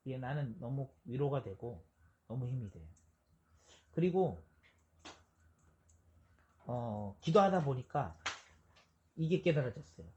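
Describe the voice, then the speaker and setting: A man preaching a sermon at a middle pitch, talking to his listeners like a friend. His phrasing moves from formal prayer wording to blunt, everyday speech. The recording sounds somewhat dull and lo-fi. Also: expressive, takes it slowly, pauses often, a little mellow, a little hiss or hum. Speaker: pastor.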